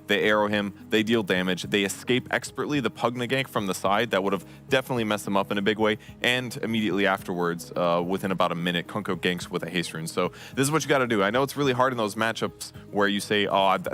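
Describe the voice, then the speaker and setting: A man's voice: fairly low pitch, fairly bright tone, soft background music. A man giving a detailed game breakdown as an esports analyst, explaining with frequent ums. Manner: quick, explanatory, many ums.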